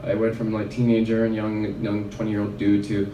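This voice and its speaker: A man's lowish, dark voice comes across as monotone at a moderate pace. He's a chiropractor from Red Deer, Alberta, Canada, telling a personal story at a wellness event in a casual, rambling manner full of fillers. Recorded on a distant mic in the event venue, it sounds roomy, with a little hiss or hum.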